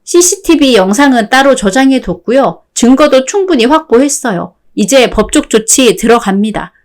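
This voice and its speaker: A woman playing a fed-up wife in a radio drama, calm, sarcastic and firm. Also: on the high side, moderate pace, lightly acted. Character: fed-up wife, cool and cutting.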